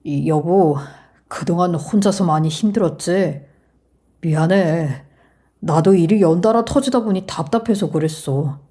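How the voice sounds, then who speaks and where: A woman voicing a scheming husband who talks in a soft, falsely tender, coaxing way, in a narrated story. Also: fairly low pitch, lively intonation, moderate pace, voice pushed down, lightly acted. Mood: gentle coaxing. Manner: soft, coaxing, sweet-talking.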